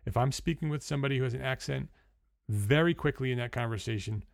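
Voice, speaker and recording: A man's voice: medium pitch, fast, creaky, dry recording, clean studio sound. Man with a New Jersey accent coaching. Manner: conversational, numbered tips, frequent restarts. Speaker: sales coach. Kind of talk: instructional talk.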